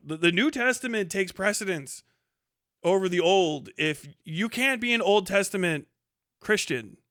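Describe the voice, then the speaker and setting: A man with a high, sharp voice gives loose, unscripted live commentary on the news, blunt and sardonic, rambling and arguing, with some swearing. The recording is dry and clean, studio quality.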